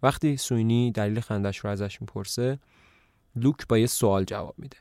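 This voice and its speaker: A man narrating and retelling a play for a storytelling podcast in a calm, even manner. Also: lowish voice, no echo, clean studio sound.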